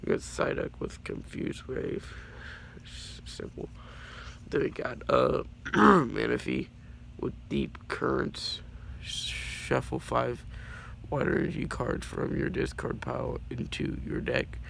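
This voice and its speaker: Worn down by a few days of sickness, a teenage boy speaks in a raspy, deeply gravelly voice with a fairly bright tone and fairly even intonation. He takes it slowly, rambling casually and apologetically through his card collection and tripping over names. The home recording is low quality, with a faint hiss underneath.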